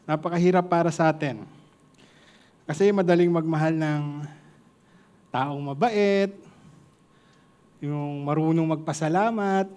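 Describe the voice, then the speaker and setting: A man's voice: on the high side, darkish tone, smooth. A man with a Filipino accent preaching a sermon to a congregation, mixing two languages and joking with the listeners.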